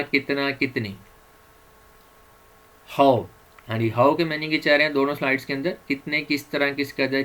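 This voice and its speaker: A man's voice: mid-range voice, a bit bright, rough recording. A man teaching English vocabulary, reading word lists aloud and glossing each word with its meanings, with small fillers and self-corrections. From Pakistan. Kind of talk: slide-based vocabulary lecture.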